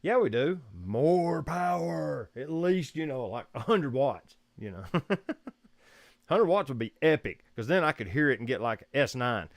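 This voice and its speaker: A man's voice: medium pitch, big pitch swings, a little slow, pauses often, no room sound. A man with a Southern US accent hosting a casual live-stream chat at home, rambling and easygoing, chuckling often. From Georgia, US. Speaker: photography livestream host. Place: room at home.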